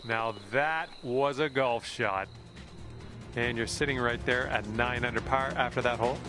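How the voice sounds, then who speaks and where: A man's voice: mid-range voice, measured pace, over music, close to an everyday voice. A man playing an upbeat, easygoing golf commentator in a video game, calling shots conversationally with exclamations. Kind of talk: sports commentary.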